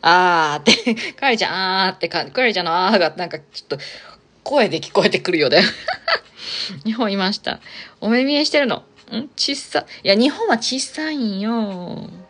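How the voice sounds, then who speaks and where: A woman's voice: mid-range voice, animated, moderate pace, fairly bright tone, faint music behind. A young woman hosting a casual live stream, chatting with viewers and reading their comments aloud. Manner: chatty, reads viewer comments aloud, exclaims and laughs often.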